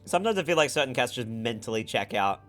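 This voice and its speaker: A man's voice: mid-range voice, big pitch swings, quick pace, fairly bright tone. Man, streamer, casual reaction talk, offhand and sweary, background music.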